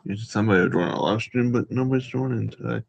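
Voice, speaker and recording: A livestream host speaks in a medium-pitched, husky voice with vocal fry, racing along. His unscripted talk is casual, hesitant, rambling and repetitive. The livestream audio sounds dull and roomy.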